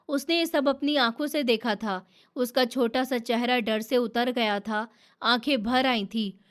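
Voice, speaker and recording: A woman telling a sad family story in the first person, in a soft, emotional storytelling manner. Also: fairly high pitch. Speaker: narrator.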